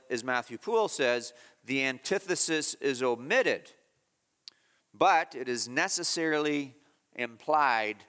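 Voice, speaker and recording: A man's voice: a little high, pushed and bright, in a large hall. A man preaching an expository sermon, emphatic and repetitive, rising sharply on key phrases. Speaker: pastor.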